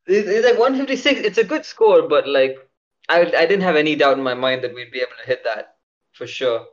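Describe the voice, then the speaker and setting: A man's voice: a little high, animated, a little fast. A young man chatting casually on a podcast, rambling with lots of fillers and frequent swearing. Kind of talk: casual chat. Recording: dull lo-fi audio.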